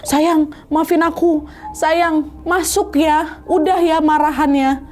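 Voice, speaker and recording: A woman voicing a frightened young pregnant wife who pleads in a high, tearful voice. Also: fairly even intonation, slow pace, darkish tone. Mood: pleading.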